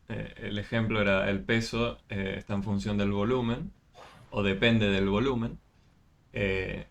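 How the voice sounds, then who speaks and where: A man's voice: on the low side, a bit bright. A man tutoring math over a video call, explaining step by step with many fillers. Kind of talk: online tutoring session.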